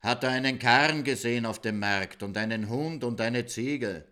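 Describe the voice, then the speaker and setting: A man reading a folk tale aloud in a measured, deadpan way. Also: mid-range voice, over loud music. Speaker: storyteller.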